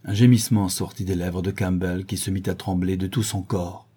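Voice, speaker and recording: A man narrating a classic novel in a measured, dramatic reading. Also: low voice, level tone, dark tone, breathy edge. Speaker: audiobook narrator. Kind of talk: scripted narration.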